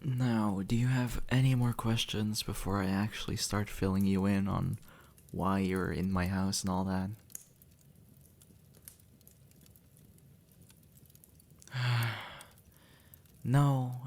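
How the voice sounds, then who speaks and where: Playing a sardonic male demon dead for centuries, a man speaks in a low, gravelly voice that is steady, slow and a little mellow. He delivers an audio roleplay monologue to the listener, sounding weary as he explains, with a sarcastic, exasperated and blunt yet conversational manner. The demon is impatient but gruffly reassuring.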